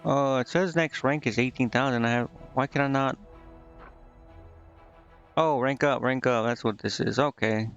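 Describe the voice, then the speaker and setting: Over game music, a man streaming a game casually reads on-screen text aloud and thinks out loud in a halting, puzzled mutter. His voice is mid-range and the audio sounds dull.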